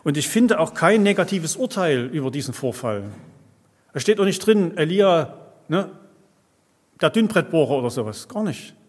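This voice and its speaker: A man with a somewhat high voice preaches in an easy, conversational way, checking in with his listeners after almost every thought. His voice rings out with a long reverb, as in a large church hall. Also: lively intonation, normal speed. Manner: peppers speech with tag questions like "ja" and "ne". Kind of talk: conversational sermon.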